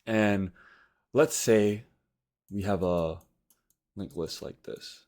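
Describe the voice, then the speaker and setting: Low-voiced young man with a slight retainer lisp. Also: very slow, a little mellow. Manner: informal, slangy, thinking aloud in short broken phrases. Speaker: tutorial host. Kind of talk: casual coding tutorial.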